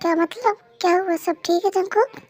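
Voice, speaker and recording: A woman's voice: very high voice, moderate pace, a little mellow. A woman with a cold voicing a hurt, tearful young wife in an amateur fan dub, pleading emotionally. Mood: worried. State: has a cold.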